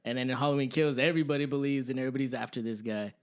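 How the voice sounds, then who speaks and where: A man's voice: mid-range voice, very fast, clear, resonant tone. A man co-hosting a podcast, chatting about films in a laid-back way with casual swearing. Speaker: podcast co-host. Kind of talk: casual film discussion.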